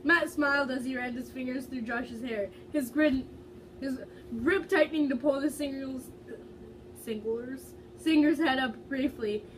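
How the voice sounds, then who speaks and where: A high-pitched, giggly woman reads fan fiction aloud with dramatic flair, stumbling over her words and tossing in casual giggly asides. She keeps a measured pace. The mic sits far from her, picking up faint background noise.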